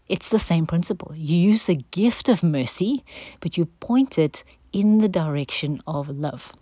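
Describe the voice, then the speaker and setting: A woman's voice: sits low, mellow, dry recording. A woman teaching about spiritual gifts in a conversational, earnest way, often acting out her own prayers and other people's requests.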